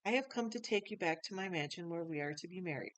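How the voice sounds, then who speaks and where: A woman's voice: on the low side, lively intonation, fast talker, dry recording, lightly acted, poor audio. A woman doing a greedy, demanding old courtier. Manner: demanding, indignant. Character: greedy old male courtier, pompous and whiny.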